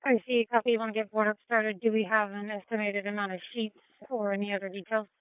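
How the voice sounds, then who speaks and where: A woman's voice: mid-range voice, level tone, quick pace, narrow, tinny audio, slight background noise. An American woman working as an emergency dispatcher, reading messages back procedurally in police-radio style over a radio transmission.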